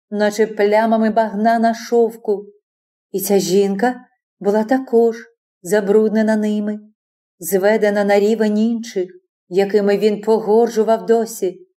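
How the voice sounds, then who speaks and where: Woman reading a novel out loud, calm and expressive, mellow warm tone. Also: mid-range voice. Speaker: audiobook reader. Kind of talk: literary audiobook narration.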